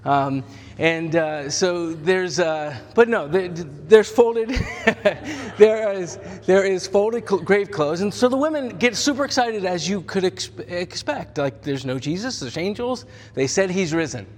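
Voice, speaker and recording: A male pastor speaking in a slightly high voice that sounds casual and chatty while he tells a scripture story with jokes and quick character voices. His sermon rings out with a long reverb from the church hall around him. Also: animated. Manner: conversational, humorous storytelling with acted-out voices.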